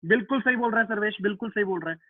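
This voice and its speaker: Guy teaching physics online, really high voice, tinny phone-like sound, keeps repeating stuff. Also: rapid-fire, no room sound. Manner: repeats himself and voices students' questions to himself; casual, addresses students as "beta" and "yaar". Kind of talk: online class lecture. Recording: tinny, dry phone-like line.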